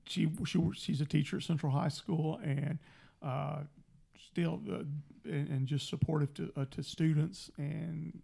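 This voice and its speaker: A man's voice: a little high, a little slow, gravelly. A middle-aged man, a guest telling family stories on a casual talk show and acting out the voices. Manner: animated storyteller, acts out family voices. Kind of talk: casual radio chat.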